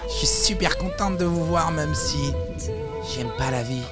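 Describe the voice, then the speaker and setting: A man voicing a gloomy goth young woman who hates life, talking in a slow, sulky, deadpan way. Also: a little high, over loud music, voice pushed up, close to an everyday voice.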